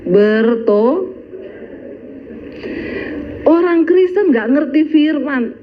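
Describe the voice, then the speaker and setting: Lady pastor preaching, lively and talkative, kinda dull lo-fi sound. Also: high-pitched, extremely slow, a little hiss or hum. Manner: animated storytelling preacher, addresses the congregation directly. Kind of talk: sermon. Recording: slightly dull lo-fi recording.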